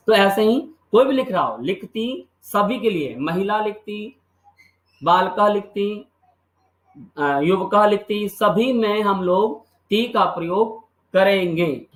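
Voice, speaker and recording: A man's voice: high voice, roomy sound, poor audio. A man teaching Sanskrit grammar in a video lesson. He asks questions and answers them himself, and drills the endings by repeating them. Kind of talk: classroom-style video lesson.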